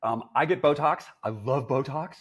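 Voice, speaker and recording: A man's voice: mid-range voice, normal speed, slightly rough. A man in his sixties hosting a casual panel chat, asking questions to move the talk along. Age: 60s. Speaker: host.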